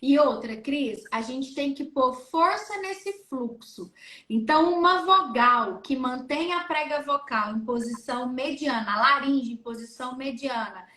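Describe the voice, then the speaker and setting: Slow, bright-voiced woman explaining. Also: high voice, echoey room. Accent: Brazilian Portuguese. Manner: demonstrative, acts out coughs and vowels. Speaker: speech therapist guest. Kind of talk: explaining on a live stream.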